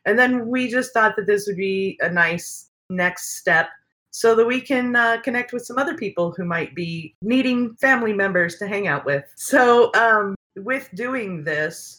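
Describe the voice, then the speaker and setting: Woman, 40s, bright voice, easy family podcast host who laughs a lot. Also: mid-range voice, poor audio. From United States. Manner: laughs often, relaxed and chatty. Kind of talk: casual family chat.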